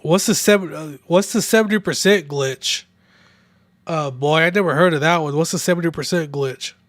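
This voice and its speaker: A young man with a somewhat high voice talks loosely and profanely while he plays, a little drunk and nursing a sore throat. The sound is dry and close, with no room echo. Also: normal speed, a bit bright. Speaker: streamer. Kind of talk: casual gaming livestream chat.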